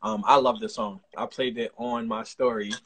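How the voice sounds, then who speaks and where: A man's voice: fairly low pitch, level tone, normal speed, a bit bright, husky, rough recording. A man interviewing a singer on a livestream in an earnest, encouraging way, with lots of fillers.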